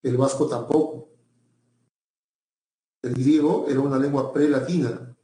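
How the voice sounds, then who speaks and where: A man's voice: medium pitch, fairly even intonation, measured pace, warm tone, reverberant. A male teacher giving a pre-university language lecture, often repeating himself and checking in with his students.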